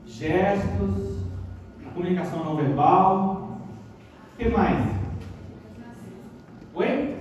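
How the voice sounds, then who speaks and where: A male lecturer with a Brazilian Portuguese accent, fairly high and mellow, keeps questioning his listeners. He is picked up from a distance, and his voice rings around a large auditorium with a long reverb. A faint hum of room noise sits under him. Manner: asks the audience many rhetorical questions. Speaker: university lecturer. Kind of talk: lecture workshop. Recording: echoey auditorium from far off.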